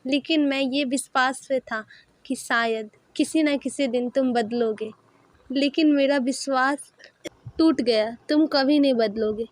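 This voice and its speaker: A woman's voice: high voice, a little mellow, dry recording. A woman voicing a tall, dramatic young man who complains with mock hurt in a storybook dub.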